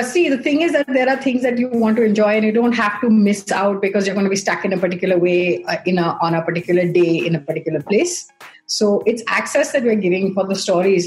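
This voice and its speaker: A woman's voice: mid-range voice, poor audio. A middle-aged woman with an Indian accent speaking conversationally on a panel, explaining at length and checking in with short tag questions. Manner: rambling, explanatory, checks in with "right?" and "you know". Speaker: streaming executive on a panel.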